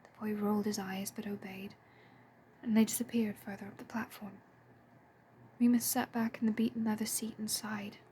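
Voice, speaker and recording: A woman reading a story aloud in a soft, breathy and hushed way. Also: mid-range voice, little pitch movement, moderate pace, slight background noise. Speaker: fan audiobook reader. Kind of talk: storybook narration.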